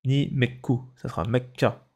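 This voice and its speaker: A man's voice: mid-range voice, steady tone, measured pace, darkish tone, breathy edge. A male Arabic teacher giving a dictation lesson, patiently repeating each word and breaking it into syllables. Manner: patient, instructive.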